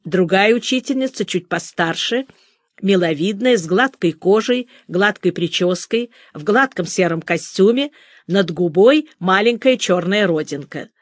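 Expressive woman reading a story. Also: medium pitch, unhurried, dry recording, clean studio sound. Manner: expressive reading, briefly voicing the characters' quoted lines. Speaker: audiobook narrator. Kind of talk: scripted narration of a story.

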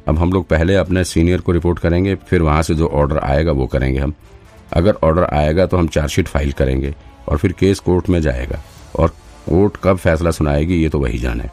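A man voicing a calm male police officer who patiently explains procedure, in an audiobook. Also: very deep voice, a little fast, faint music behind. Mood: explaining.

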